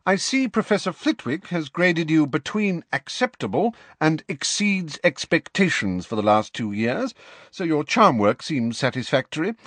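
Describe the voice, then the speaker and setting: Man voicing Professor McGonagall, stern high-pitched older woman. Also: very animated, moderate pace, a bit bright, no room sound. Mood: businesslike. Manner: clipped, curt, through gritted teeth when provoked.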